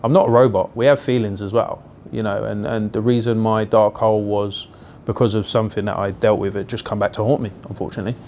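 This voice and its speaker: A man's voice: lowish voice, fairly even intonation, fast talker, darkish tone, slight background noise. A male police officer being interviewed for a documentary, recounting a call in a plain-spoken, reflective way.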